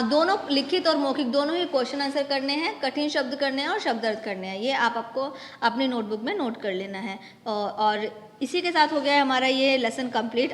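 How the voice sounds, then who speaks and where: A woman's voice: high-pitched, fairly bright tone, long reverb tail, slight background noise. A woman teacher going patiently through a textbook lesson for young students, step by step, slipping English words into her explanations.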